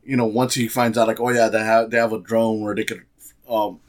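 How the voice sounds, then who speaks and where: A man's voice: fairly low pitch, flat delivery, brisk. A man giving a casual, sarcastic movie review, rambling with many fillers and restarts. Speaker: film reviewer.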